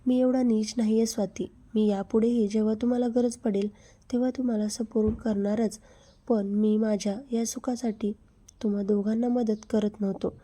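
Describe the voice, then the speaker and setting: A woman's voice: on the high side, steady tone, normal speed, dark tone, lightly acted. A woman voicing a brazen man who speaks in an insistent, coaxing way. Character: brazen pushy man, friend of husband.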